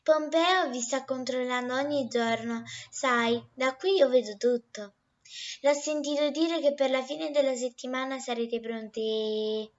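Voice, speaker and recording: A woman voicing a chatty, vain, gossiping eggplant lady in a storybook, loud and self-satisfied. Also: sits high, unhurried, muffled recording.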